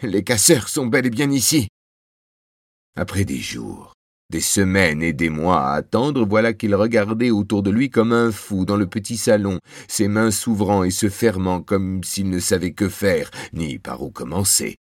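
A man narrating an audiobook in measured storytelling with wry asides. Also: sits low, dry recording, clean studio sound.

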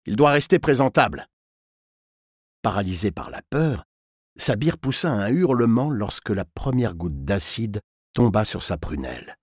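A man narrates a grim story in a low, slightly husky voice. His delivery swings widely in pitch to build tension. The sound is close and dry. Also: moderate pace, no room sound. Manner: expressive, tense storytelling. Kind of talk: dramatic audiobook narration.

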